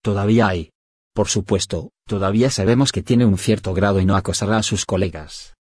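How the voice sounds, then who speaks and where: A man reading the part of a chubby, excitable young man in an audiobook, complaining and defensive. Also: lowish voice, fairly quick, slightly rough, dry recording, clean studio sound. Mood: aggrieved.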